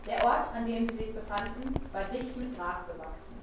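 Woman, calm scripture reader, distant mic, very echoey noisy room. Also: fairly high pitch. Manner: calm, measured reading. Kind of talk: scripted Bible reading.

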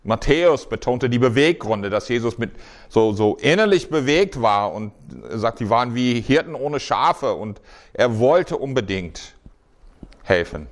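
A man preaching a sermon in a conversational, halting way with frequent restarts. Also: mid-range voice, expressive.

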